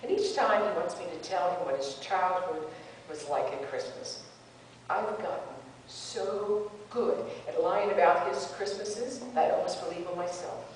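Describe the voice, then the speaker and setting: A woman's voice: on the low side, moderate pace, natural voice. A woman playing an elderly wife married sixty years, telling her story fondly and with a wry touch. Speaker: stage actor in a monologue. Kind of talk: theatrical monologue. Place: stage in a hall. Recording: echoey hall, far from mic, faint noise.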